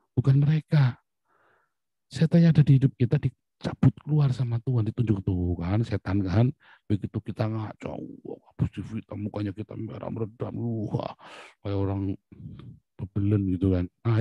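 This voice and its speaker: A man preaching in a casual, lively style, often laughing and leaping up in pitch when he makes a point. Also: slightly rough, no room sound. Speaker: pastor. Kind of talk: sermon. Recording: dull lo-fi recording.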